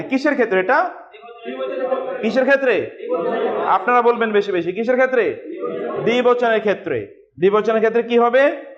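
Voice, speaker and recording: A man teaching Arabic grammar to a class, asking questions, repeating words slowly and prompting students to answer. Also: high-pitched. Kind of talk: classroom lesson with call-and-response drilling. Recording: dull lo-fi recording.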